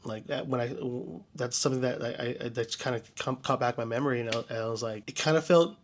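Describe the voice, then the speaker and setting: A man from the United States telling a personal story in a vlog, halting and searching for words with many restarts, earnest and quietly emotional. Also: medium pitch, fairly even intonation, a little hiss or hum. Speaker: vlogger and DJ entertainer.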